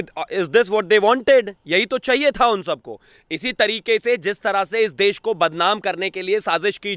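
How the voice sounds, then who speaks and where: A man's voice: sits high, sharp tone, clean tone, no room sound, clean studio sound. A man, a political analyst, giving heated, accusatory commentary full of rhetorical questions.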